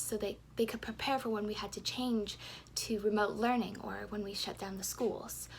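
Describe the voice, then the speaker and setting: An actress playing a matter-of-fact school administrator in a film monologue. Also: female voice, mid-range voice, a little hiss or hum, natural voice. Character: school official reporting on closures.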